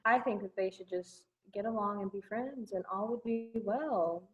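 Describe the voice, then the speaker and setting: Reading aloud to kids at storytime, a children's librarian keeps things playful and tosses in casual, exclamatory comments as she goes. Her voice sits in the mid range at a normal speed, heard through narrow, tinny audio with a little hiss or hum.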